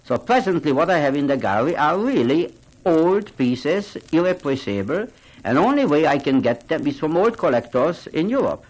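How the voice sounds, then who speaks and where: Poor audio captures a slightly high voice at a moderate pace. It belongs to an older Hungarian who owns a gallery and collects art, speaking animatedly and earnestly in non-native phrasing during a radio interview.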